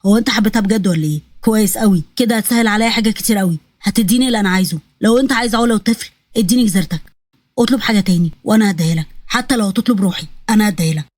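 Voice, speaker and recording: A woman's voice: medium pitch, very fast, darkish tone, no room sound, voice pushed down, lightly acted. A woman voicing a smug, greedy villain prince with an Egyptian accent. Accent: Egyptian Arabic. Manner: taunting, smug. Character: scheming young male prince, greedy villain.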